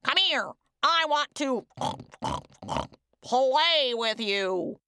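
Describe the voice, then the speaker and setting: A woman's voice: sits high, expressive, drawn-out words, pushed and bright, clean tone, dry recording, studio quality, voice pushed up, heavily acted. A woman voicing a greedy pig that sweet-talks the gingerbread man to come closer. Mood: luring. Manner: sweet-talking, luring. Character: greedy pig coaxing to eat him.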